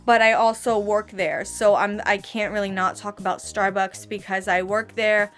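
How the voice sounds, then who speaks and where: Soft music plays behind a fairly bright, mid-range female voice that moves at a moderate pace with fairly even intonation. The speaker, a twenty-one-year-old vlogger and barista trainer with a slight lisp, rants casually about her barista job, exasperated and full of slang, over and over asking "okay?"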